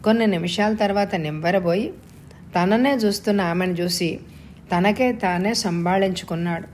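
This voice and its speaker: Woman, story reader, measured narration, mid pitch, faint background noise. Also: darkish tone. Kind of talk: reading a story aloud.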